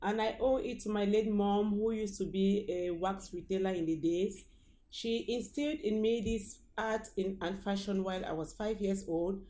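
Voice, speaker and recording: A Cameroonian fashion designer and business founder in her thirties, from northwest Cameroon, answers interview questions about her own experience in an indoor studio. Her voice is medium-pitched and dark in tone, with fairly even intonation and a moderate pace.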